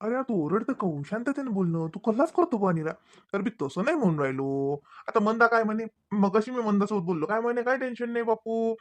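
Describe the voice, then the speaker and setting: A man's voice: high-pitched, animated, fairly quick. A man voicing an easygoing, penny-pinching village farmer husband in a cartoon, with a mild, placating drawl.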